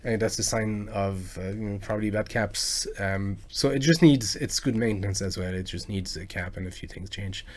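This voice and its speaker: At a moderate pace and with hardly any pauses, a French game music cover artist in his forties chats with viewers on his live stream in a low voice. His talk is casual and meandering, often flaring into excitement.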